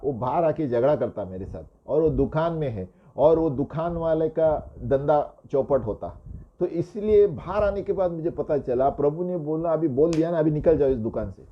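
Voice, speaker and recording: A man preaches in a relaxed, conversational teaching style, often tagging his points with quick questions to the listeners. His voice sits somewhat high for a man. The recording is dull and lo-fi. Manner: acts out quoted dialogue. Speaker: pastor. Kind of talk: sermon teaching. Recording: dull lo-fi sound.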